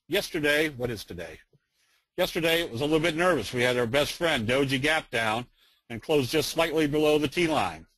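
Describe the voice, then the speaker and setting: A man's voice: fairly high pitch, a bit bright, no room sound, rough recording. A man giving a casual, joking trading lesson in a webinar, full of fillers. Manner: folksy, joking, many fillers. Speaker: trading instructor.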